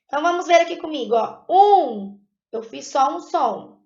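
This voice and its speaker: A woman's voice: sits high, animated, normal speed, creaky, darkish tone. A woman teaching a recorded lesson, explaining step by step with patient check-ins. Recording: echoey room, dull lo-fi sound.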